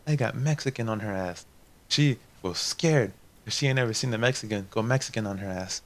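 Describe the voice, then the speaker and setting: A young man spins a casual story for his viewers in a slangy, rambling way. His voice sits a little low. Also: fairly quick. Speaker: gaming channel host.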